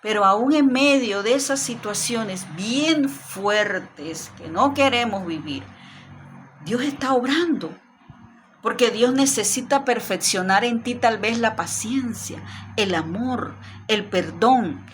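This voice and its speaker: A woman's voice: a little high, expressive, slow, slight background noise. A woman preacher giving a Bible study sermon, earnest and speaking straight to the listener. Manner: earnest, addresses listener directly.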